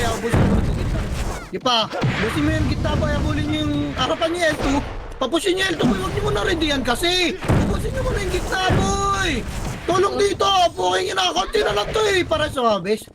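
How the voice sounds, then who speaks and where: A man leading his squad in live team voice chat during a shooter match, barking rapid commands, counting down and swearing. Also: very high-pitched, creaky, loud music behind the voice. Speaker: squad leader calling shots.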